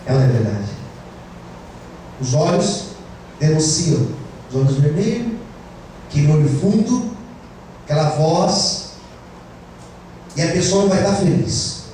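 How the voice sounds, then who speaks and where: A man's voice: a little high, big pitch swings, unhurried, pauses often, warm tone, slight background noise. A Brazilian man preaching a sermon as pastor, emphatic and calling the congregation to say amen. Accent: Brazilian Portuguese. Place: church. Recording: very echoey church hall, distant mic.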